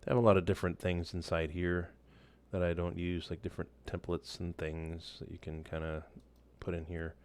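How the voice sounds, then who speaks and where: Deep-voiced man giving a relaxed screen tutorial. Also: moderate pace, clear, resonant tone. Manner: relaxed, loose, many fillers and restarts. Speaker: instructor. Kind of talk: casual screen-share tutorial.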